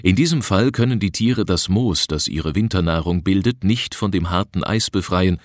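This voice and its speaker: A man reading an adventure story aloud as narrator, in an even, measured storytelling manner. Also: low voice, no room sound, clean studio sound. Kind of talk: audiobook reading of a travel adventure.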